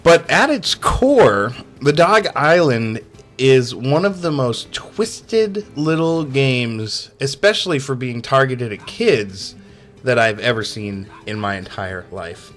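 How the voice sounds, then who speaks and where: A man's voice: medium pitch, lively intonation, slow, a bit bright. Laughing male game reviewer over faint music. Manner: amused, keeps breaking into laughter; sarcastic, chatty with many fillers.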